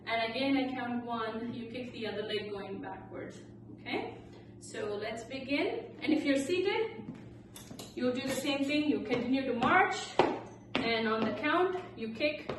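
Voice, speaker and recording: A woman leading exercise as an aerobics instructor, cueing and counting out moves with short, encouraging instructions. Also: high voice. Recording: echoey, noisy room, distant microphone.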